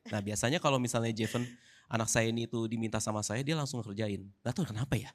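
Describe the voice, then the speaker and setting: A man's voice: medium pitch, fast talker. A man in his thirties with an Indonesian accent, telling a family story at church in an easygoing, humorous way and acting out the dialogue. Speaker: church speaker sharing testimony with his wife. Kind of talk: casual testimony in a church service.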